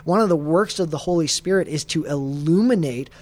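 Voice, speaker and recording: A man giving casual, earnest Bible study advice, full of fillers and restarts, who speeds up as he gets excited. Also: a little high, fairly quick. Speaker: Bible teacher.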